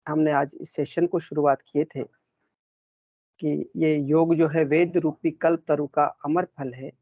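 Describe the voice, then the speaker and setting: Man running a spiritual group call, calm and polite, dull dry audio. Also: a little high, dry recording. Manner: calm, courteous, formal. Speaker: host of an online satsang session. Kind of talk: moderating a devotional group call. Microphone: video call.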